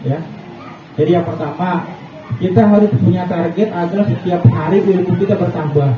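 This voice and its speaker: A man giving a casual religious talk to parents, chatty and quick to chuckle, often asking the audience questions. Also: sits high. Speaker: preacher addressing parents. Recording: echoey, distant, dull, noisy room recording.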